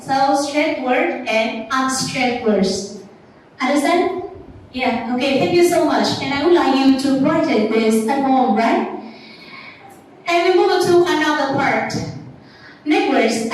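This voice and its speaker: A woman with a Vietnamese accent teaching an English class, speaking slowly and checking often that the students understand. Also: high voice, a little hiss or hum. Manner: slow, repeats "understand?" and "right?" to check the class. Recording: echoey classroom from far off.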